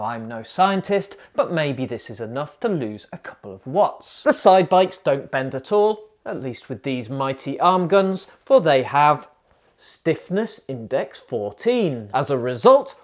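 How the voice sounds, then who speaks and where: A man narrating a scripted cycling gear review, full of dry, self-mocking wordplay. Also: a little high. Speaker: cycling vlogger.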